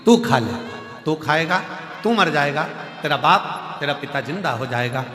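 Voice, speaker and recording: A man playing a calm guru who offers a deadly remedy in a quick, matter-of-fact voice. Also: on the high side. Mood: deadpan. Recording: echoey hall with music.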